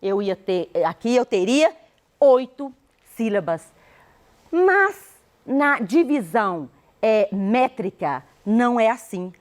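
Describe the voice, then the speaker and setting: A woman with a Brazilian accent teaches a school lesson for television. Her voice sits a little high, and she takes her time, counting things out aloud and checking in with rhetorical questions as she goes. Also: sing-song, slow. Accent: Brazilian Portuguese. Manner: explains step by step, counting syllables aloud and asking rhetorical questions. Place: studio.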